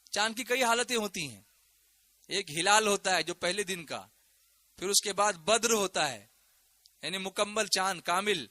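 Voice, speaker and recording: A man's voice: high voice, bright, forceful tone, no room sound. A male preacher giving a fervent sermon. He recites Quranic verses and keeps urging the crowd to call back to him. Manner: exhorting, urges the crowd to respond. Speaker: religious preacher.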